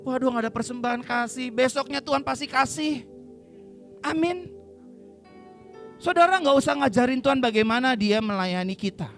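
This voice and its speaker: A man with an Indonesian accent preaching a sermon in a church. He preaches with lively energy, cracks jokes, leads the congregation in call-and-response and acts out the voices in Bible stories. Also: extremely high pitch, normal speed, pauses often, faint music behind. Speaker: pastor.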